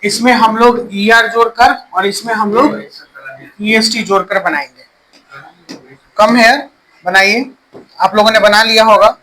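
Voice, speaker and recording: Guy teaching a class, high bright voice, drags out his words when dictating. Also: fairly even intonation, a little hiss or hum, rough recording. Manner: slow, drawn-out dictation, checking in with students. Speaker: English teacher. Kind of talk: classroom grammar lesson.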